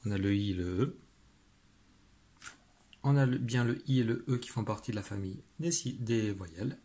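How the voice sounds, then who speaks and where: A man teaching a spelling lesson, slowly sounding out syllables with patient guidance to a child at home. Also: lowish voice, mellow. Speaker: primary school teacher.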